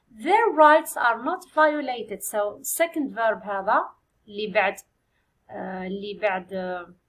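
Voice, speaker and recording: An Algerian woman teaching an English exam review, speaking slowly and deliberately, repeating key words and switching into Arabic to explain. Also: on the high side, a bit bright, poor audio. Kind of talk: classroom exam review lesson.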